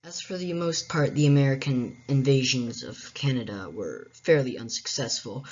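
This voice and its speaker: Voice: mid-range voice, breathy edge. A host narrating a history explainer in a casual way, with wry, joking asides. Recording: dull, muffled lo-fi recording.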